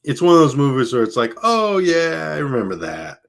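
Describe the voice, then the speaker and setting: A man's voice: medium pitch, fairly quick, vocal fry. A man reading a novel aloud on a live stream, then chatting casually with his viewers. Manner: relaxed and chatty, with laughs and fillers between readings. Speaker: audiobook reader streaming live.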